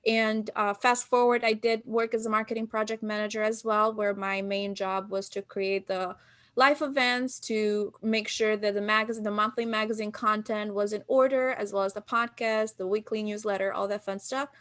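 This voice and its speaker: Speaking at a normal pace with a medium-pitched, somewhat bright voice and fairly even intonation, this Albanian woman in her thirties is a guest on a casual podcast. The marketing business founder tells stories and acts out quotes from herself and others.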